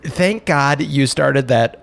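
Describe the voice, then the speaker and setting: A man's voice: medium pitch, takes it slowly, vocal fry. A man co-hosting an improvised comedy podcast, joking and punning in playful banter. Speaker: podcast co-host.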